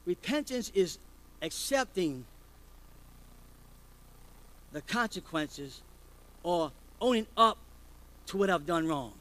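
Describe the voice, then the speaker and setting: High, forceful preaching pastor, a man. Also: lively intonation, takes it slowly, pauses often, poor audio. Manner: preaching with rhetorical questions to the congregation. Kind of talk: sermon.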